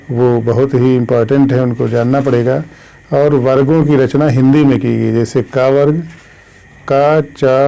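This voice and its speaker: A man teaches an online English lesson in a slow, unhurried way. His voice is mellow and relaxed, and he sits at a middling pitch. He dictates letters and spellings one by one and calls his viewers friends. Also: gravelly, low-quality recording. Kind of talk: classroom-style online lesson.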